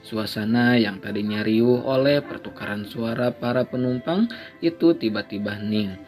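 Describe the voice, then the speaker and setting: A man narrating a romance novel chapter in a steady, measured reading. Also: mid-range voice, soft background music. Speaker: story narrator. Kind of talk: storybook narration.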